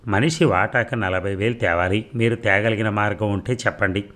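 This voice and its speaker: A man's voice: lowish voice, fairly even intonation, normal speed, fairly bright tone, close to an everyday voice. A man voicing an anxious, bitter young man who has lost everything, speaking in a pleading way.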